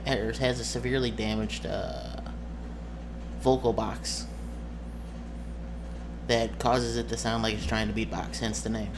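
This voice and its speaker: Acting as game master, a man casually lays out a tabletop game scene, explaining as he goes. He speaks haltingly and often corrects himself. His pitch is average, and clear noise sits over the recording.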